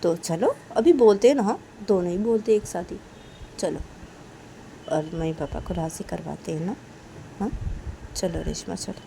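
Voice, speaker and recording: A woman voicing a bold, protective young woman who talks loudly and keeps firing questions. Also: lowish voice, normal speed, creaky, pauses often, a little hiss or hum. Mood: insistent. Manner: loud, insistent, repeating questions.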